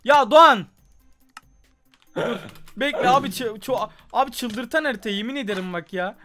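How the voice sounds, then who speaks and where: A man hosting a casual gameplay video, talking fast and getting exasperated, often breaking into shouts. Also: very high-pitched, soft background music. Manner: excitable, exasperated outbursts, frequent shouting. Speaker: gaming channel host.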